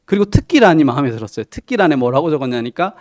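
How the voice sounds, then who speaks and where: Lively-pitched Korean pastor preaching. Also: male voice, very fast, no room sound, studio quality. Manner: storytelling, retelling a TV drama with quoted lines; conversational, asks the congregation questions. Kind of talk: sermon. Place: church sanctuary.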